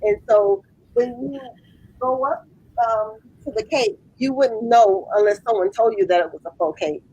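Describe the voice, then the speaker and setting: Husky woman in her late fifties. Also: a little high, moderate pace, warm tone, low-quality recording. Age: 50s. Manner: earnest, explains her craft step by step. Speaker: business owner guest. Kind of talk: casual interview chat.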